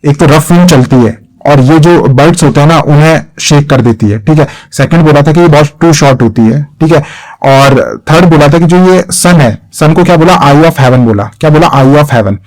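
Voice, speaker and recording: A man's voice: on the high side, moderate pace, darkish tone, rough recording. A young man talks through an exam-prep lesson with a slightly raised voice. He often poses a question and then answers it himself. His delivery is patient and repetitive. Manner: repeats key points as questions and answers them. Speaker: teacher.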